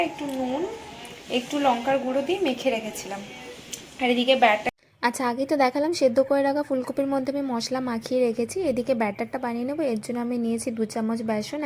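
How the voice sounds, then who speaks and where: A young woman with a high voice talks viewers through her cooking in a home kitchen, explaining each step in a chatty way. Faint household noise sits behind her. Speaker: family vlogger. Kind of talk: casual home vlog, cooking talk.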